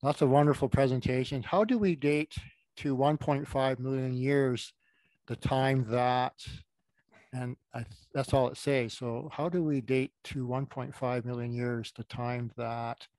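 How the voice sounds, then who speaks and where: A man's voice: mid-range voice, fairly even intonation, a little slow, a little mellow, no room sound, poor audio. Dry-sounding man moderating questions. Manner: brief, reads questions aloud from the chat. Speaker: moderator reading chat questions.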